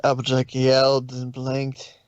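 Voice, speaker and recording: A narrator with a medium-pitched, monotone voice reads fan fiction aloud informally at a measured pace, now and then stumbling over words. The sound is slightly dull and lo-fi, with no room sound.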